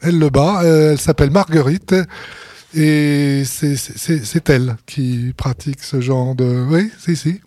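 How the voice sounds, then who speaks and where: A man's voice: on the high side, steady tone, a little slow, mellow, no room sound, studio quality. A man hosting a radio show, introducing records in a casual, hesitant way with many fillers and small chuckles. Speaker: radio host presenting records.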